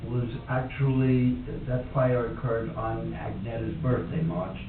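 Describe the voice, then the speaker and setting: A man's voice: mid-range voice, little pitch movement, a little slow. Rambling man introducing a reader. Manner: loose, meandering, self-correcting. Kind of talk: live event introduction. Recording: echoey, distant, tinny, noisy.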